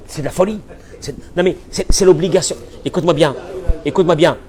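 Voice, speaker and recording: A man teaching as a rabbi in a Torah lesson. He talks emphatically, repeats his key phrases, and swings between loud and soft. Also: fairly high pitch, fast talker.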